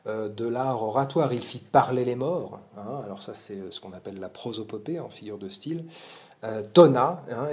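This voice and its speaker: Guy doing a poetry lesson, lots of ums and pauses, mid-pitch voice. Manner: hesitant, many fillers and verbal tics. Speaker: literature teacher. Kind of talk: spoken text commentary lesson.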